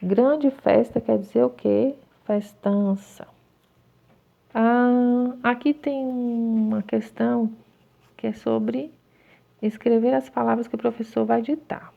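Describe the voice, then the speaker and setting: A woman teacher with a Brazilian Portuguese accent, slowly talking children through a textbook exercise and spelling words out one by one. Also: a little high, steady tone, vocal fry. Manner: slow, drawn-out word by word dictation. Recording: tinny phone-like recording.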